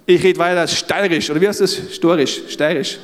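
A man with a South German accent, preaching a humorous sermon with animated storytelling and jokes. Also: high-pitched, fast talker. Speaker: pastor. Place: large hall with audience. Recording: live hall reverb.

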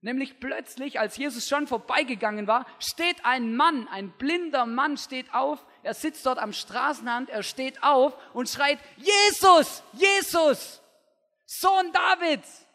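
Man, youth preacher, high voice, slangy and animated, big echoing hall. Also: a little slow, hardly any pauses. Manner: energetic, slangy, acts out the story with shouted quotes and asides. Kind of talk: youth sermon storytelling. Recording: long hall reverb.

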